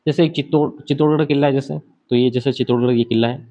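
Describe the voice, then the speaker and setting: A man's voice: mid-range voice, fairly even intonation, quick pace, warm tone, muffled recording. A man giving an exam-prep lecture, asking questions and answering them himself while he sketches on a board. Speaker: teacher.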